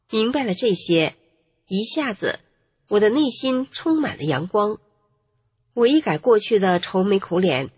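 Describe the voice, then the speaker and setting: A woman narrating her own life story in an earnest, measured way. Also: mid-range voice, breathy edge. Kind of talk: first-person testimony narration. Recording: long reverb with faint music.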